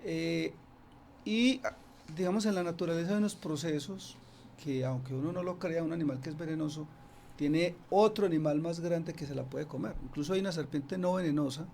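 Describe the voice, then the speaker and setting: A man's voice: a little high, fairly quick, creaky, a little mellow, a little hiss or hum. A man from Antioquia, a guest on a radio interview, explaining casually with many restarts and fillers. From Antioquia, Colombia. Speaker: snake expert guest. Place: radio studio.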